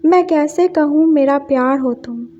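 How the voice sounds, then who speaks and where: Storybook voice: a sensitive young poet, sulky and tender, high-pitched and soft-edged, read by a woman, dull lo-fi sound. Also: a little slow.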